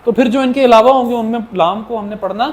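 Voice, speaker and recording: A man's voice: very high-pitched, fast talker. A man teaching a language class as the lecturer. He repeats questions back to his students and drills the answers. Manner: addresses the class as children. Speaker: Arabic teacher.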